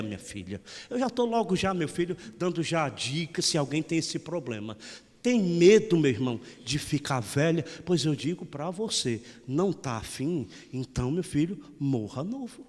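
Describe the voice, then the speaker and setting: A man's voice: on the high side, big pitch swings, moderate pace, a little mellow. Brief: Brazilian priest in his forties, raised voice, playful preacher, church reverb. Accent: Brazilian Portuguese. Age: 40s. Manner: folksy, teasing, keeps saying "meu irmão". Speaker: parish priest. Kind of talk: lively humorous homily.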